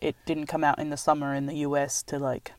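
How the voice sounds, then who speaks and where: A woman's voice: low-pitched, flat delivery, fairly quick, no echo. A woman co-hosting a casual movie chat, rambling with many fillers and laughing often, chewing as she talks. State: chewing while talking. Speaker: podcast co-host. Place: in a car.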